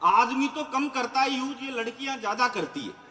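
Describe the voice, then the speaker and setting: High, bright-voiced comedian on stage. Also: male voice, lively intonation, moderate pace. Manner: boastful, teasing the audience, jokey storytelling. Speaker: stand-up comedian. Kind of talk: live stand-up comedy. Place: outdoor stage by a lake at night. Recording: echoey outdoor PA sound with long reverb.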